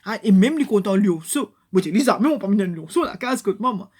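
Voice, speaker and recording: Telling a Bible story to children, an older Mauritian Creole-accented woman speaks fast in a medium-pitched, slightly rough voice. She's animated, shifting between whispered asides and loud calls.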